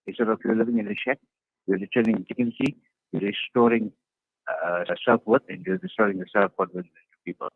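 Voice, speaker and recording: Gravelly man over a video call. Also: fairly low pitch, lively intonation, brisk, dry recording. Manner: earnest, repeats points for emphasis. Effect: heard over a video call. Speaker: political party councillor. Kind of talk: interview answers. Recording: tinny, dry video-call line.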